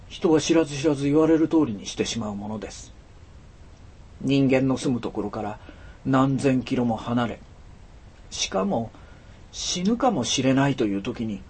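Husky, expressive male storyteller. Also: medium pitch. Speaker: narrator. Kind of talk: storybook reading.

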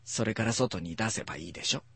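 Storybook housewife, soft and doting, cooing, voiced by a male reader. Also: on the low side, animated, fast, breathy edge, no echo, pitched below the performer's own voice. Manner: cooing, gentle.

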